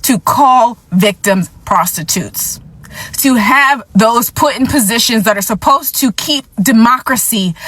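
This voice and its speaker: High, bright-voiced woman ranting angrily. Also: no room sound. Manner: angry, blunt and profane, emphatic repetition. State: fighting back tears. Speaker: vlog host. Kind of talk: impassioned commentary to camera.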